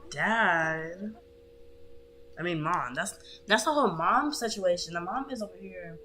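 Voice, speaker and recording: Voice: mid-range voice, lively intonation, unhurried, bright, forceful tone. A livestream co-host chatting casually, candid and chatty, who stumbles over words while reading stories aloud. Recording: noisy stream recording.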